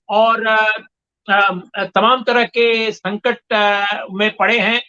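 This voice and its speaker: Emphatic man with a bright, lo-fi voice. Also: sits high. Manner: measured, emphatic, frequent pauses and fillers. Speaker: guest commentator. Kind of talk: discussion interview. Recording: dull lo-fi sound.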